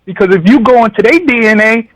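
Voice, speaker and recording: A man's voice: high voice, fast, rough recording. A man calling in to a radio show, talking in a slangy, conversational monologue full of tag questions. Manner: slangy, conversational, repeats "you know what I'm saying". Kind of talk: casual call-in monologue.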